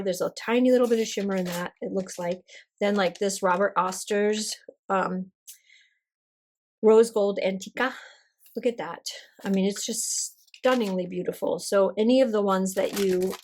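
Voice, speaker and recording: While testing ink swatches at her desk, a woman stationery vlogger chats in a laid-back, self-deprecating manner. Her voice sits in the mid range and sounds a bit hoarse because she has a cold.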